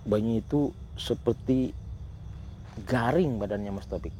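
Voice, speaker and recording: Hushed man murmuring prayers outdoors. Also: medium pitch, measured pace, a little hiss or hum. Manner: keeps addressing his companion, muttering Islamic prayers. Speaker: ghost-hunting vlog host. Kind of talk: hushed on-location narration. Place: outdoors near a village.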